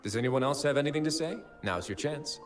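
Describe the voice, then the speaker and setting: A man voicing a composed, shrewd, gentlemanly fortress overseer in a video game, articulate and deliberate. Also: a little high, lively intonation, soft background music, lightly acted. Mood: thoughtful.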